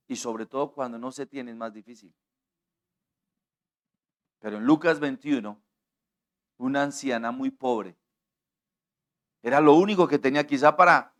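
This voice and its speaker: A man preaching a sermon as pastor at a church altar, impassioned, moving from hushed asides to shouting and asking the congregation questions over and over. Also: mid-range voice. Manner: asks the congregation frequent questions.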